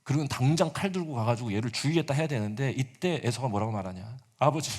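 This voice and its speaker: A man's voice: mid-range voice, animated, quick pace, darkish tone. A male pastor preaching a sermon, retelling a story with casual asides and acted-out quotes.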